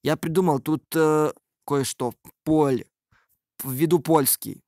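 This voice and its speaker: A man's voice: fairly high pitch, steady tone, slow pace, a little mellow, dry recording. A man giving casual, improvised screen-recording commentary, hesitantly thinking aloud. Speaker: video creator.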